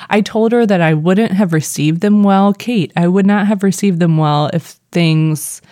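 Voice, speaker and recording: A woman's voice: lowish voice, a little slow, dark tone, dry recording, studio quality. A woman with a Missouri accent chatting casually and unscripted as a podcast co-host. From Missouri, United States.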